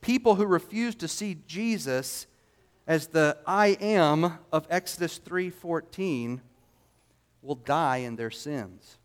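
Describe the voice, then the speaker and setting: A man's voice: a little high, takes it slowly, clean tone. A man preaching a sermon as a pastor, explaining scripture in an emphatic, expository way.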